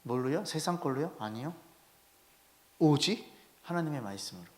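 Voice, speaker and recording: Brief: male head pastor with a high voice, preaching a lively Sunday sermon into a pulpit mic and pressing the congregation with questions. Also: moderate pace. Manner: animated, constantly addressing the congregation with rhetorical questions. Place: church sanctuary.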